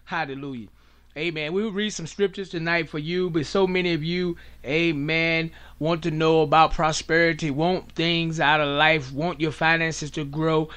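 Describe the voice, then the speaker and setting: Pastor preaching with repeated amens. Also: male voice, on the high side, steady tone, moderate pace, a bit bright, clean tone. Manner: preaching cadence, frequent amens, rhythmic lists. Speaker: pastor and radio host. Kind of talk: radio preaching.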